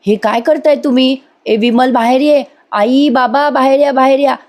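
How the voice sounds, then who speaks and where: A woman voicing a scheming young woman who talks in a shrill, put-on sweet way. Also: measured pace, warm tone, lightly acted. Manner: shrill, pretending.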